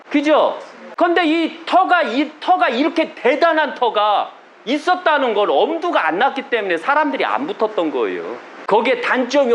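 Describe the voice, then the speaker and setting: A man's voice: extremely high pitch, a bit bright, a little hiss or hum. A man with a Chungcheong Korean accent, a religious leader giving a blunt sermon to his followers, often asking rhetorical questions.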